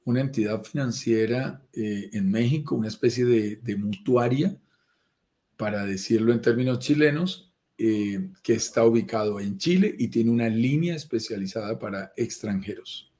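A man's voice: lowish voice, mellow. A man co-hosting a live stream, answering viewer questions and reading out names. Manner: explains quickly, reads out viewer names. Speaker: co-host of a real estate investment live stream.

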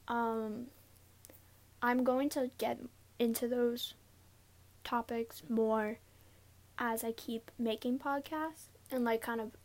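A young woman speaking casually and confessionally as a podcast host, halting and giggly with nerves, recorded sitting in a closet. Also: on the high side. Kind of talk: casual confessional solo talk. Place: inside a closet, sitting on a pillow.

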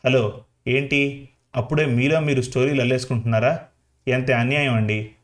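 A man's voice: mid-range voice, lightly acted. A man voicing a folksy villager who chats directly to the listener. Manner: folksy, chatty, talks straight to the listener. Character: chatty rustic villager addressing the listener.

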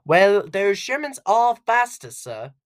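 A man voicing an earnest young tank gunner, raised high above his own pitch with a lively, up-and-down lilt. He speaks deferentially to his commander, keen and a bit cheeky, in a homemade audio story. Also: slow, full character voice.

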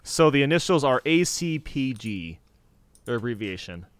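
A young man chatting on a gaming podcast with a bouncy, lively voice that swings up and down. His sound is close and dry, picked up by a home mic on a call. His banter is quick and excitable. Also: medium pitch, clean tone, no room sound. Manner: excitable, quick banter, prone to shouting gags. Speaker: podcast co-host. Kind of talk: casual gaming chat.

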